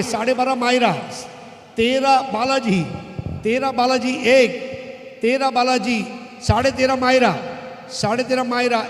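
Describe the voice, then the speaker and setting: A man working as an auctioneer, calling out rising bids in a repetitive, clipped chant at a live auction. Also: very high voice. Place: large echoing room at a live event. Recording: echoey hall with long reverb.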